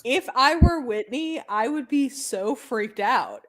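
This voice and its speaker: A woman's voice: high-pitched, lively intonation, takes it slowly, a bit bright. A woman co-hosting a podcast in casual chat, blunt and irreverent, laughing often. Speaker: podcast co-host.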